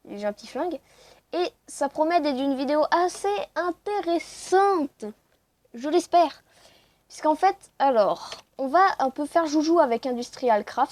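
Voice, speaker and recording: A woman with a high-pitched voice narrates her game as she plays. She talks casually, mocks herself and fills pauses with quick asides. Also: a little mellow. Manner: chatty, self-mocking, lots of "voilà" fillers. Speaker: let's play host. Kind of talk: casual gaming commentary.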